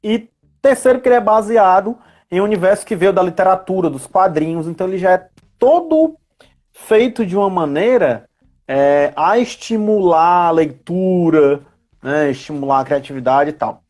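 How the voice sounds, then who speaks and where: Speaking with a Brazilian accent, a man with a high, darkish voice and moderate pace serves as a guest expert on tabletop role-playing games. In this casual live chat he teaches in a didactic style, often tacking on tag questions.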